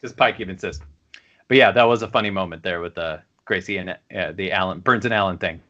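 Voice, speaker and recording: This podcast co-host speaks in a low-pitched, pushed and bright voice, a little fast, rambling through casual chat with lots of fillers and restarts. The recording sounds muffled.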